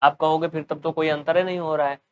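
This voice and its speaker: A man's voice: on the high side, flat delivery, fast, darkish tone, lo-fi sound, a little hiss or hum. A man giving a step-by-step maths lesson at a board, asking his students questions and answering them himself. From North India. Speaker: teacher.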